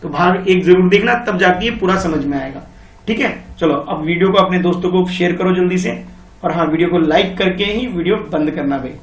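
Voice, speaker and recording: High-voiced man teaching in an echoey room. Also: fairly quick, recorded from a distance. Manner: explains patiently, repeats key points, calls students beta. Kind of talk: online Hindi grammar lesson for children.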